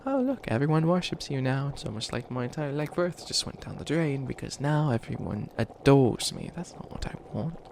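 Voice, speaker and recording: The same bunny witch character comes through in a creaky, mid-range male voice with big pitch swings, normal speed, few pauses, a darkish tone and faint hiss or hum. This failed villain, now a kindly but flustered mentor to an apprentice, stammers apologetically and drifts off in wistful exasperation during a comic ASMR roleplay.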